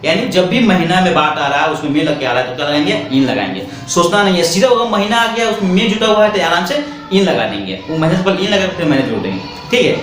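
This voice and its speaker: A man teaching a spoken English lesson in Hindi. He asks questions and answers them himself, and he slows right down for the English example sentences. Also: a little high, big pitch swings, fairly bright tone, soft background music. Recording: echoey room with faint background noise.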